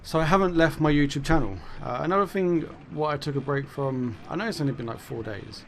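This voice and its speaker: Slight background noise accompanies a man with a fairly high voice who talks fairly quickly. Like a gaming YouTuber, he rambles through a casual commentary monologue, self-correcting and laughing after he swears. He's losing his voice, and it comes out worn and fading.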